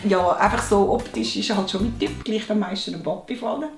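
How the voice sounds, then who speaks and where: A woman's voice: medium pitch, fast talker, creaky. A middle-aged woman with a Swiss German accent, chatting casually in a chatty, emphatic storytelling way. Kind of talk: casual chat. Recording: roomy echo with music. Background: music.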